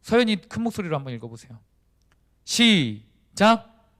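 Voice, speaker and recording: A young man preaching a sermon to a youth service as a youth pastor. He drops to hushed, near-whispered lines, then rises to loud, emphatic ones, and calls out for amens. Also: sits high, very animated, measured pace. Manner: calls out for amens and leads group readings.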